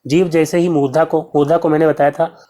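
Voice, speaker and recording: In an exam-prep grammar lesson, a man walks through each point step by step, poses questions and answers them himself, and slowly sounds out each sound to show its pronunciation. His voice sits on the high side and is mellow, with a flat delivery.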